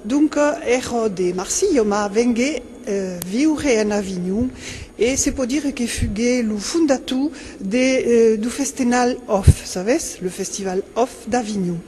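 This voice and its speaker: A woman reporter presenting a theatre event on location, speaking brightly and lively. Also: a little high, unhurried.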